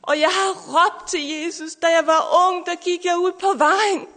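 Fervent high-voiced woman preaching in reverb. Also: fairly even intonation, sharp tone. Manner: fervent, repeated hallelujahs, voice breaking into tears at times. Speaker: preacher giving testimony. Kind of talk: emotional Pentecostal sermon. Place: church or camp meeting hall. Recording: long hall reverb.

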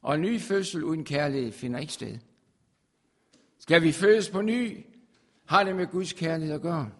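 A man preaching a sermon to his congregation. He repeats phrases for emphasis and swings from soft, quiet passages to loud, forceful peaks. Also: on the high side.

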